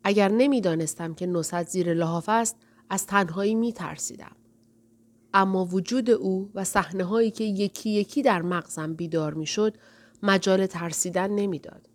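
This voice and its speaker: Woman narrator for a first-person audiobook, quiet and reflective, mid-pitched.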